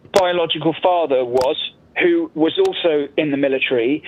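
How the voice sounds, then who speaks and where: A fairly high-voiced man in his forties, talking as a guest over a headset mic that sits too close and clips into crackly distortion. He rambles and restarts his thoughts. A steady hiss of noise sits under the distorted call audio. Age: 40s. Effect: clipping, crackly distorted mic audio. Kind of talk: casual conversation. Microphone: headset mic, speaking too close.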